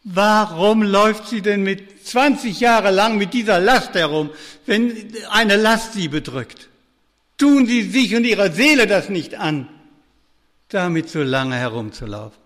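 An older man giving a pastoral sermon lecture, speaking directly to his listeners and moving between raised urgent appeals and quiet, low phrases. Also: lively intonation, a little slow. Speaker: preacher. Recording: long reverb of a hall.

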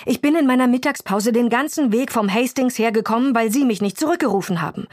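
A woman reading a storybook voices a sharp, self-assured woman chemist with a clipped, accusing manner. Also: fairly high pitch, lively intonation, quick pace, no echo, clean studio sound, pitched above the performer's own voice. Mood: brisk.

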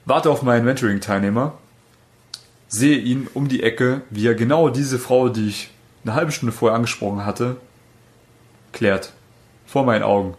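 A man who hosts a podcast as a dating coach, talking in a casual chat. He rambles through his stories, with plenty of fillers and quick self-corrections along the way. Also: medium pitch.

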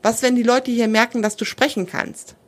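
A woman's voice: fairly high pitch, fairly even intonation, normal speed, pitched above the performer's own voice, lightly acted. A woman reading the part of a young boy in a children's story, speaking in an exasperated, scolding way. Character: young boy, fond of his pony, easily startled.

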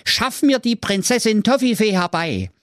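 A man's voice: high voice, big pitch swings, moderate pace, no room sound, studio quality, pitched above the performer's own voice. A man voicing a boastful, bossy young ex-conductor in a comic fairy tale read aloud. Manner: brash and demanding.

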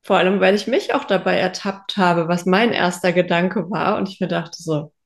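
A woman's somewhat low voice comes at a moderate pace while she co-hosts a podcast. She keeps the conversation casual and musing, thinking aloud along the way.

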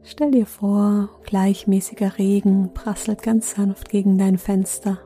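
A woman guiding a sleep meditation in a gentle, soothing, unhurried manner with long pauses. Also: mid-range voice, fairly even intonation, faint music behind. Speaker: meditation guide, host.

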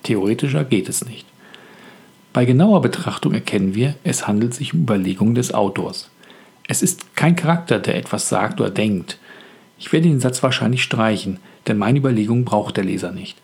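A man who is an author hosts a scripted podcast about writing. His voice is deeply husky and gravelly, pitched in the middle, and he speaks calmly, reflectively, and with measured delivery.

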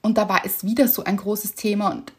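A woman co-hosting a podcast in casual chat, telling a story with animated delight and frequent laughter. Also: mid-range voice, brisk, breathy edge. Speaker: podcast co-host.

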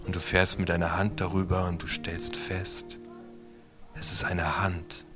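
A pastor gently guiding listeners through a meditation in a theater, speaking softly and sometimes in a whisper. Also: male voice, low-pitched, flat delivery. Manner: slow, soft, at times whispered guidance. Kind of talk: guided meditation within a sermon. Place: theater stage. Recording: guitar music playing underneath. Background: soft guitar music.

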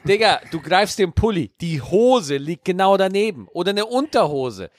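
Excitable, stammering male podcast co-host. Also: high voice, normal speed, dry recording, studio quality. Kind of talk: casual podcast chat.

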